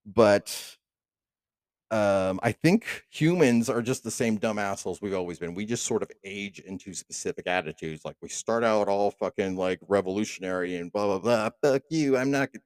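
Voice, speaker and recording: A man's voice: fairly low pitch, moderate pace, no echo. Man ranting casually, dry close sound. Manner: profane, rambling rant with frequent restarts. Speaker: podcast host. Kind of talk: casual solo monologue.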